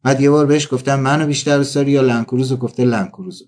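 A man delivering a comic storytelling monologue, acting out the people he quotes. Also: medium pitch. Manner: animated, acts out quoted dialogue.

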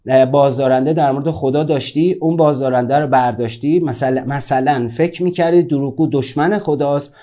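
A man giving an informal motivational talk as a course teacher. His voice sits a little high for a man but sounds mellow and relaxed. He speaks to his listeners directly, like a conversation. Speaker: self-help course teacher.

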